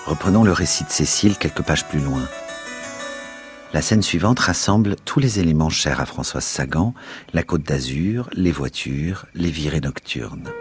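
A male radio host reads a novel aloud in a steady, expressive style. His voice is extremely low. Faint music plays quietly underneath. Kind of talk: literary reading on radio.

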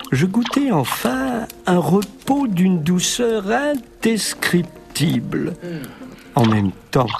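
A man narrating a Christmas story in the first person, wry and self-mocking. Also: medium pitch. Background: music.

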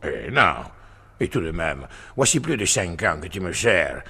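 An actor playing a credulous medieval lord who stammers and hesitates, in a 1960s radio drama. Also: male voice, low voice, very animated, a little slow, creaky, pushed and bright, husky, exaggerated voice. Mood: curious. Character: credulous male medieval lord, eager and fumbling.

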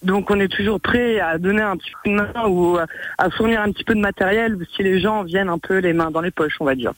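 A woman's voice: medium pitch, fairly quick, rough recording. A woman being interviewed casually on the radio, explaining things in a conversational way. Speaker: interview guest, association president.

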